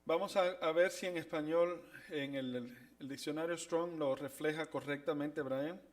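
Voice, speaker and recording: With a fairly high-pitched voice, a man runs a Bible study class and puts questions to the group. He speaks haltingly, often using fillers and starting over.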